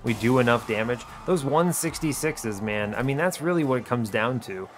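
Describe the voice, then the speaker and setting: A man hosting a gaming video gives a casual play-by-play of short, dry, understated remarks over background music. His voice is medium-pitched and animated, and he talks at a moderate pace.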